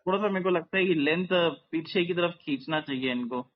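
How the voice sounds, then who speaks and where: An Indian man offers casual live commentary on a cricket match. His voice sits slightly high for a man, and the audio is muffled and lo-fi. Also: a little fast. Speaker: cricket watch-along commentator. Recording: dull, lo-fi voice audio.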